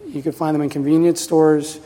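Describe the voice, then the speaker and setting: A man in his fifties from New Jersey gives a casual, rambling conference talk at a pinball festival, full of fillers and restarts. His voice is a little high and mellow, brisk in pace, with little pitch movement, and it echoes around a reverberant hall.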